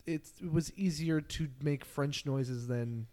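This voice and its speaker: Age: young adult. Role: podcast host. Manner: rambling casual chat, full of fillers. Pitch: mid. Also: slow, dark tone.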